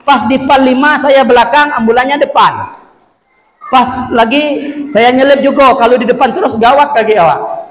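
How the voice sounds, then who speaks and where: A man preaching a humorous village sermon with a South Sumatran Malay accent, shouting and crying out for emphasis between jokes. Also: very high-pitched, normal speed, slight background noise. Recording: echoey hall, long reverb.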